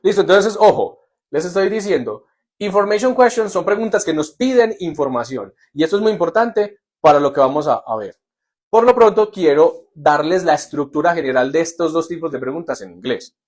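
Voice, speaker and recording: Lively man teaching a live class. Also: fairly high pitch, normal speed. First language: Spanish. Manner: lively, jokey, asks "¿listo?" often. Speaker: English teacher. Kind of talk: live online lesson.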